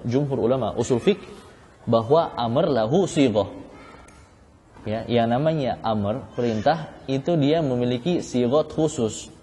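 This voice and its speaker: Male ustadz lecturing, mellow voice, keeps repeating himself and asking the room questions, lots of hall echo. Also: medium pitch. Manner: explains by repeating key phrases, asks the class questions. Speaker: Islamic studies teacher. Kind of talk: classroom lecture on legal theory.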